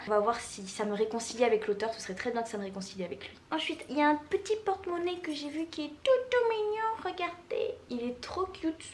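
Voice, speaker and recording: Brief: young woman vlogger from France, gushing excitable chat, highish voice, echoey bedroom. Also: slight background noise. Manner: gushing, excitable, quick exclamations. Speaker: book vlogger. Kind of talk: casual unboxing chat. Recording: echoey home room.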